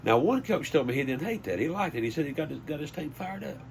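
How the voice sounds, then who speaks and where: Talking fast in a sing-song, creaky voice on the high side, this older Southern man spins casual, folksy anecdotes. He's a high school sports PA announcer being interviewed, and a little hiss or hum can be heard.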